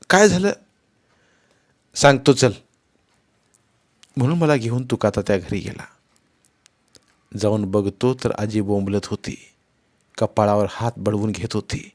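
A man reading a novel aloud in the first person, expressive and voicing each character himself. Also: lowish voice. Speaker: audiobook narrator.

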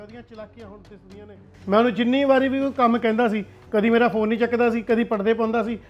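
A man's voice: extremely high pitch, highs cut off. A man with a Punjabi accent playing an angry grown son, talking in a heated, agitated rush about being cheated by his brother. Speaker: actor in a family web drama.

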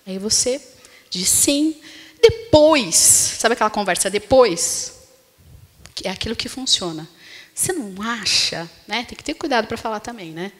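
A woman's voice: medium pitch, fairly bright tone. A woman pastor with a Brazilian Portuguese accent preaching a sermon in a conversational way, often checking in with the congregation through tag questions. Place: church hall. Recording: long reverb of a church hall.

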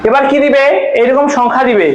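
Male classroom tutor, very high and fast, quizzing pupils, roomy dull recording. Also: background noise. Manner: questioning students, repeating answers. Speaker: math tutor. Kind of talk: classroom teaching. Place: tuition classroom.

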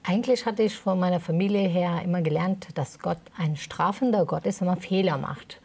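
A woman's voice: on the low side, a little fast, creaky, mellow, husky. A woman giving a personal testimony in an interview, hesitant and emotional, with many fillers. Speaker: interview guest.

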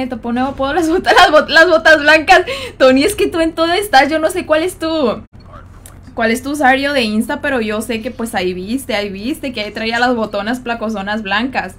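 A young woman from Mexico livestreams gameplay, her voice high and a bit bright, bantering quickly with chat in slangy Spanish-flavored speech and teasing the people she welcomes. There's a faint hiss in the background of this casual stream.

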